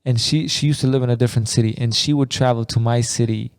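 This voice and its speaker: Gravelly Afghan-born man chatting casually. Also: mid-range voice, fast, no echo, clean studio sound. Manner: laughs often, relaxed slangy storytelling. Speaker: podcast co-host. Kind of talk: casual chat.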